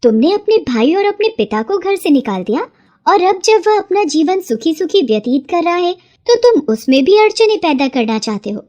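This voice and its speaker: A woman's voice: fairly high pitch, expressive, unhurried, darkish tone. A woman voicing a female pond goddess in a cartoon, kind to the honest and scolding to the greedy. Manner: solemn, rebuking.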